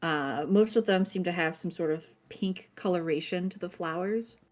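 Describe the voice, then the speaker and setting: A woman serving as game master, describing scenes in a halting, casual way with many ums and likes. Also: fairly low pitch, a little mellow, soft background music. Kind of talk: improvised scene narration.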